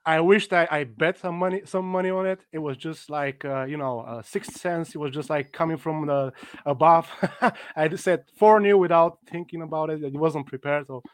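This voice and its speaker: A man's voice: on the high side, moderate pace, no echo. Upbeat man hosting a live stream. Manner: upbeat, scripted presenter delivery. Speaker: host.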